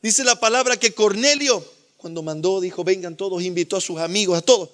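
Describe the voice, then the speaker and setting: High-pitched guy preaching a sermon, goes from loud bursts to quiet asides, keeps saying beloved brother. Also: fairly quick. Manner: fervent preaching, swinging between loud exclamations and hushed asides; addresses listeners as beloved brother. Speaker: pastor.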